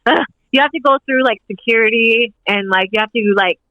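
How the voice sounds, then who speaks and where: A woman's voice: fairly high pitch, a little fast, dry recording, muffled recording. A woman in her twenties, a podcast guest chatting casually in an upbeat, rambling way, leaning on "like" a lot. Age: 20s. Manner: rambling, upbeat, heavy use of "like". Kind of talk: casual interview chat.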